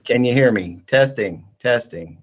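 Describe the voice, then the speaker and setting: A man's voice: medium pitch, animated, measured pace, highs cut off, slight background noise. A man on a video call testing a line that is not coming through, repeatedly checking whether he can be heard. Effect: video call audio. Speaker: planning consultant. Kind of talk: remote public comment.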